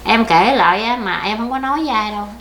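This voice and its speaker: A woman's voice: on the high side, fast talker, a bit bright. An older woman with a Southern Vietnamese accent, telling her life story in a plaintive, rambling way during an oral history interview. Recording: echoey room with faint background noise.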